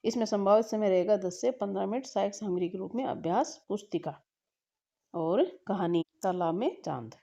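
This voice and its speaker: Woman teacher, warm mellow tone, measured step-by-step explanation, slightly muffled lo-fi recording. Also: medium pitch, gravelly. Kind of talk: explaining a daily lesson plan.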